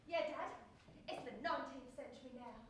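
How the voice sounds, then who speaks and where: A woman's voice: sits high, moderate pace, over a noisy crowd, natural voice. A woman playing a dim, lovesick, whiny young daughter in a stage farce. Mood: whiny protest. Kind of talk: theatrical farce acting. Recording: echoey distant stage recording, faint noise.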